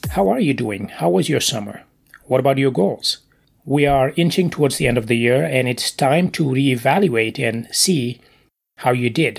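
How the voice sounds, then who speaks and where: A man hosting a motivational podcast, speaking in an emphatic monologue full of deliberate stresses. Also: medium pitch, creaky, slightly rough.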